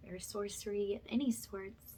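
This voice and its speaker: A woman speaks softly and breathily in a medium-pitched, steady voice, often drifting into a whisper as she guides an ASMR energy-healing session. She is gentle, slow, reassuring and affirming, with slight background noise.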